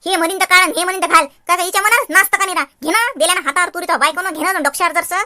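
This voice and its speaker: A woman voicing a fierce older village mother-in-law in a cartoon, scolding loudly. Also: steady tone, rapid-fire, heavily acted. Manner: scolding, shrill and loud. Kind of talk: cartoon voice acting.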